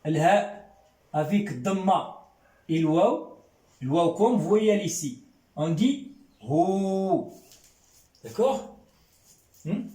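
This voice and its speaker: Slow, patient man teaching letters. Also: high voice, very animated, warm tone, recorded from a distance. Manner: patient, repeats words, checks with "hein?" and "d'accord?". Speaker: Arabic literacy teacher. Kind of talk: slow classroom lesson. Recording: echoey room, voice off-mic.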